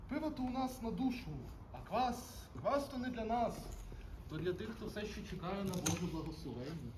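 A man's voice: sits high, lively intonation, moderate pace, echoey room, background noise. A man playing a quizzical monk in a historical stage performance. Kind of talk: historical theatre acting.

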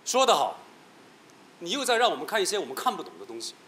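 A sarcastic confrontational widower. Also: male voice, high-pitched, big pitch swings, fast, bright, forceful tone, heavily acted. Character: combative widower suspicious of the hospital. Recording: echoey hall with ambient noise.

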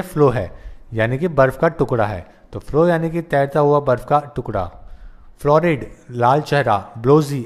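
A man with an Indian English accent, teaching exam-prep vocabulary, explaining in Hindi and reading English definitions slowly. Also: medium pitch, a little mellow.

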